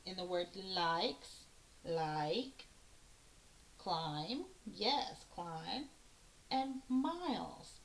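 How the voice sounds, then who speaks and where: A woman teacher walks young children through a phonics lesson, sounding out each word slowly and patiently. Her voice sits at a middling pitch and carries the echo of a hard-walled room. A faint hiss runs under the recording. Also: fairly bright tone. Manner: slow, patient, sounding out words letter by letter.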